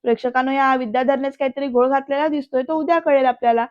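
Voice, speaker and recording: A woman's voice: high voice, steady tone, quick pace, a little mellow, clear, resonant tone, no room sound, highs cut off. A woman narrating a casual voice-over recap of a TV serial, talking straight to the viewers. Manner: chatty, addresses viewers directly. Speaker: serial reviewer. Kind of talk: casual voice-over episode review.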